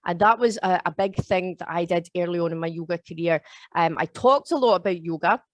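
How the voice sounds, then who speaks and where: Over a video call, a woman from Scotland in her thirties, with a Glasgow accent, guides a live online yoga teacher training in a chatty way, frequently checking in with "okay?" and "all right?". She talks briskly in a lowish voice, with no room sound.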